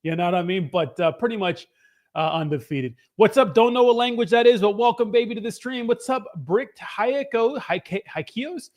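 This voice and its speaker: A male live stream host with a notably high voice that sounds a little hoarse. He chats casually and upbeat, mixing market news with slangy, informal greetings to his viewers. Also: lively intonation, moderate pace. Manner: upbeat, informal hype with slangy shout-outs. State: slightly hoarse voice.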